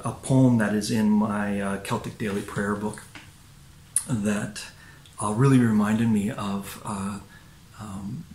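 An older man, a pastor, gives a sermon from his living room to a webcam, speaking haltingly with many fillers and restarts. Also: lowish voice, creaky. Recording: roomy home recording with faint noise.

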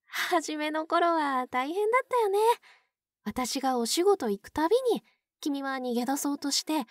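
Woman acting a very high-pitched, sweetly possessive yandere. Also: no room sound, clean studio sound. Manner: coaxing, cooing, talks as to a pet. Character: obsessive yandere older-sister type, sweetly possessive captor. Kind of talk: Japanese ASMR role-play.

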